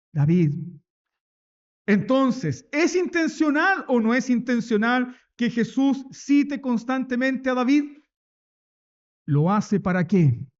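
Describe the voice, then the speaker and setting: A man's voice: very high-pitched, muffled recording. A man preaching a sermon as pastor, emphatic, repeating key phrases and asking rhetorical questions. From Chile.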